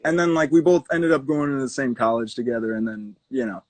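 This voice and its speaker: Young producer guy, husky voice, dry close sound, rambling with lots of likes. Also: mid-range voice, brisk, dry recording. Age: young adult. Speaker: music producer. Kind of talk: casual chat.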